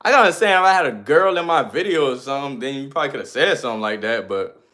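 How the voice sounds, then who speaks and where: A man's voice: mid-range voice, animated, very fast, sharp tone. A man in his twenties livestreaming, reading viewer comments aloud and answering them in loose, slangy, sometimes ranting casual chat. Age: 20s.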